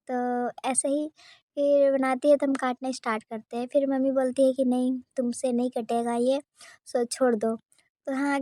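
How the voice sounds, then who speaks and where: A woman tells her vlog story over the footage in a high but mellow voice, with little rise and fall in her pitch. She talks in a simple, chatty way and often pauses to think. The recording is dry and close. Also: no echo. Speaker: vlogger. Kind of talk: casual vlog voice-over narration.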